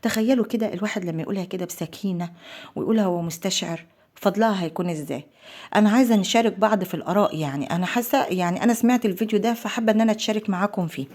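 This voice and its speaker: A woman's voice: medium pitch, rapid-fire, darkish tone. A young woman with an Egyptian accent, talking earnestly to her viewers about prayer and blessings. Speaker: lifestyle vlogger. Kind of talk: heartfelt religious talk to viewers.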